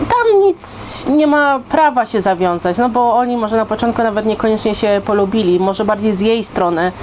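A woman's voice: on the high side, animated, normal speed, darkish tone, a little hiss or hum. A woman in her thirties giving a casual, chatty book review to camera in a living room, often checking in with her listeners. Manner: conversational, addresses listeners with frequent rhetorical check-in questions. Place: indoors, living room on a sofa.

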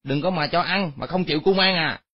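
A woman's voice: on the low side, fast, slightly rough. A woman voicing harsh, angry grown sons who scold their sisters. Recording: dull lo-fi recording.

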